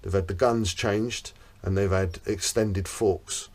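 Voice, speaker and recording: A man's voice: sits low, fairly even intonation, slow, darkish tone. A man, a miniature model artist, chatting casually and proudly as he shows off his handmade pieces at home. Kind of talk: casual guided tour chat. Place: indoor hobby room at home.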